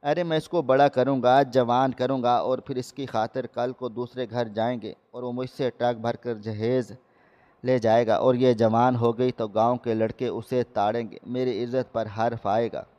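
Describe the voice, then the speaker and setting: A cruel village father in a storybook tale, hurling harsh insults in a steady mid-pitched male voice, as a male narrator puts him on. The voice rings with a long room reverb. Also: muffled recording, lightly acted. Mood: furious. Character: cruel furious village father, middle-aged man.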